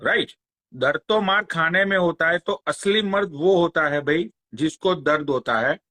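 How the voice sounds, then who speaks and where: A man, ranting on a phone live stream. He talks very slowly in a bright, fairly high voice and mocks his target with crude sarcasm. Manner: slow, crude, mocking, sarcastic challenges. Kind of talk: angry rant on a live stream.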